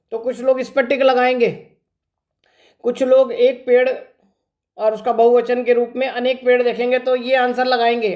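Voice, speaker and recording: A man's voice: very high voice, a little mellow. A male teacher leads an exam-prep grammar lesson. He works through each answer one step at a time, asking rhetorical questions and then answering them himself. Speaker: Hindi teacher.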